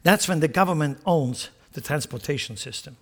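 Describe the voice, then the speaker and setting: A man from Switzerland preaching a sermon, emphatic and joking, dropping from loud stressed lines to quiet asides. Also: a little high, moderate pace. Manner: joking, chuckles at his own remarks.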